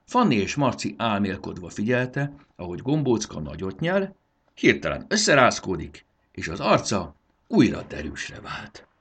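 A man narrating a children's story in an expressive storytelling manner. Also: fairly low pitch, breathy edge.

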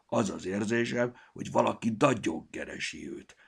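Man doing a stuffy-nosed gnome, sniffly, gravelly, low, storybook. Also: expressive, heavily acted. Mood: grumbly stuffy. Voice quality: stuffy nose, blocked consonants. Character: sniffly little gnome with a cold.

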